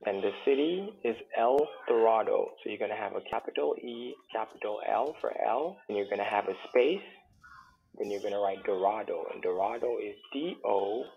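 A man's voice: lowish voice, normal speed, vocal fry, breathy edge. A man with a Jamaican accent talking insistently and placatingly, persuading someone on a phone call. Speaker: phone scammer. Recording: dull, noisy phone line.

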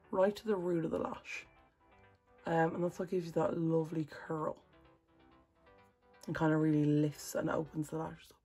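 A woman's voice: fairly low pitch, dark tone, breathy edge. A woman chatting casually through a makeup tutorial as a vlogger, rambling and correcting herself as she goes.

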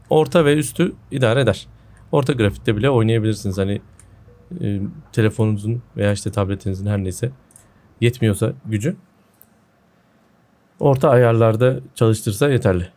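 A man's voice: lowish voice, a little mellow. A man gives casual gameplay commentary indoors on a headset mic, his voice a little off from a sore throat. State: sick with a sore throat, voice a bit off. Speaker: gaming video host. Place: indoor room at home.

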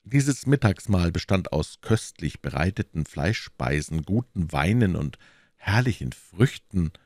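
A man reading a classic novel aloud as an audiobook narrator, expressive and storytelling. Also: low-pitched, unhurried, dry recording, clean studio sound. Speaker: audiobook reader.

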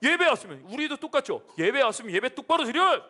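A male pastor giving a children's sermon, telling the story with lively energy and asking the kids questions. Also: very high-pitched, quick pace.

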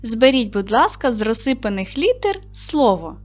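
A woman teaching an online lesson to young schoolchildren, speaking slowly and clearly in an encouraging classroom manner. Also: a little high, very animated.

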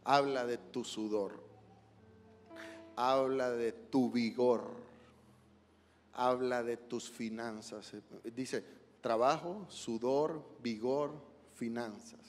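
A male pastor preaching an emotional sermon in a church, swinging from hushed lines to loud cries. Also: medium pitch, drawn-out words, pauses often, big-room sound, faint music behind. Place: church sanctuary.

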